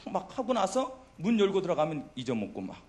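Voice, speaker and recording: A man's voice: high-pitched, wildly swooping pitch, a little fast, darkish tone. A middle-aged man preaching a youth worship sermon, who keeps asking the congregation questions and answering them himself. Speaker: pastor.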